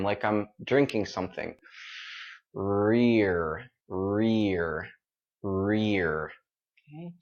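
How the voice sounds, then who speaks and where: A man teaching English pronunciation, slowly repeating each word and switching into now and then. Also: medium pitch, dull audio. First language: Vietnamese. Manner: slow, repeats words, mixes in Vietnamese. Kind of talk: live-streamed pronunciation lesson.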